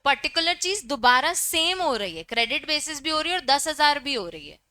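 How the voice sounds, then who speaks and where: A woman's voice: sits high, lively intonation, fairly quick, sharp tone. A young woman teaching a law class, explaining with everyday examples and mixing Hindi and English terms.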